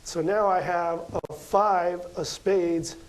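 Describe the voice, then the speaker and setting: An American man from Las Vegas, United States, appears as a guest astrology card reader in an interview, explaining things casually and conversationally. His high-pitched voice is slow with a steady tone, and the poor audio has slight background noise.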